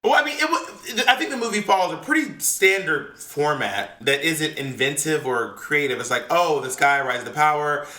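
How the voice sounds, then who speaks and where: Bright-voiced man, animated and profane. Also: on the high side, normal speed, few pauses. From United States. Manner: animated, profane, acts out quoted people. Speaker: podcast co-host. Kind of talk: casual chat. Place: home in California, remote call. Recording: echoey room.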